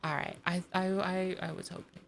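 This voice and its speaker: Streaming a game live, this woman talks directly to her chat in a low-leaning voice with vocal fry, little pitch movement, and normal speed. Her casual, rambling talk is packed with fillers and false starts.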